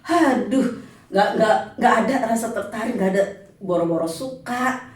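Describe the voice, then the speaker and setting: A woman's voice: on the high side, normal speed. Woman spilling her story, blunt and chatty, sounds far off in an echoey room. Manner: lively, blunt, laughs often, acts out quoted lines. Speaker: guest telling her story. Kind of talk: casual storytelling chat.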